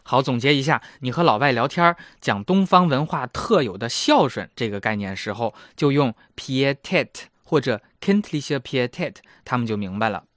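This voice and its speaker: A man's voice: medium pitch, lively intonation, normal speed, few pauses, a bit bright, no echo, studio quality. A man in his thirties hosting a casual language lesson, chatty and self-mocking. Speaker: German language teacher and host.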